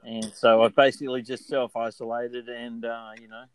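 A man's voice: mid-range voice, flat delivery, normal speed, noisy background. An Australian man hosting a casual podcast chat in a laid-back, jokey way. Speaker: podcast host.

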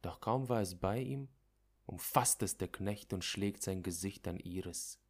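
Low-voiced guy reading a literary story out loud, slow and dramatic. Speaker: narrator.

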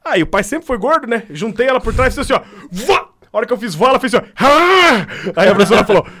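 A young man talks very fast in a casual podcast chat, throwing himself into an animated story and acting out the other voices. His voice sits a bit high and sounds dry and close, with little room in it. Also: no room sound.

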